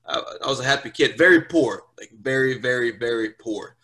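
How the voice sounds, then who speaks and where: Speaking fairly quickly with a sharp tone at medium pitch, this Portuguese-speaking man in his 20s is a US Marine sergeant appearing on a podcast. Originally from Brazil, later Portugal, England and Louisiana, he keeps the interview chat informal, cursing and tossing in "right?" to check in.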